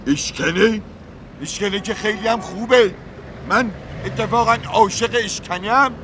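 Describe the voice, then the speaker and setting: An actor playing a puzzled male taxi driver who keeps asking questions and is quick to get riled, in a comic sketch. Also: high-pitched, pushed and bright, a little hiss or hum. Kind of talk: comic puppet-show acting.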